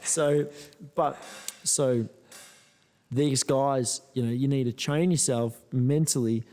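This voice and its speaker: A man's voice: medium pitch, fairly even intonation, slow, warm tone. Blokey Antipodean man in an echoey room. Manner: blokey, slangy, swears freely. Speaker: podcast host. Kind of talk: casual chat. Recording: echoey room with long reverb.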